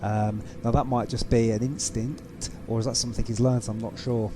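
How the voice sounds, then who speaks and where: A man's voice: mid-range voice, level tone, normal speed, over music. A man hosting a reaction video, giving casual, conversational commentary and explaining things as he goes. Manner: explanatory, conversational, with tag questions.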